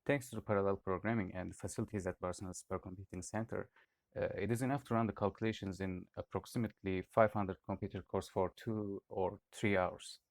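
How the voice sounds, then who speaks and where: A young Turkish man reads a student project presentation aloud in a low, steady voice with vocal fry. He moves at a quick pace with occasional "uh" hesitations, and the recording has no echo.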